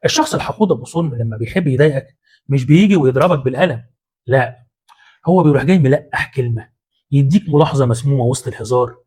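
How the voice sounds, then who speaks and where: A man's voice: medium pitch, darkish tone, breathy edge. A man with an Egyptian Arabic accent hosting a motivational psychology talk in a colloquial, punchy way with street-slang asides. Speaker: host.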